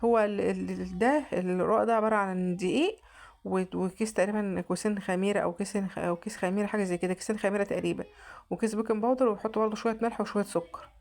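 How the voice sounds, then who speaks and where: Egyptian woman vlogger, very quick, chatty home-cooking voice-over, trips over her words. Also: mid-range voice, steady tone, creaky, darkish tone. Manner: chatty, repeats and restarts often. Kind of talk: casual cooking narration.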